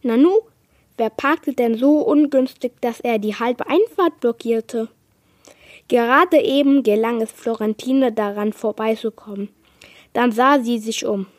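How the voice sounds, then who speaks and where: Woman, children's book reading, unhurried, slightly high voice, dry sound. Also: no room sound. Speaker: reader.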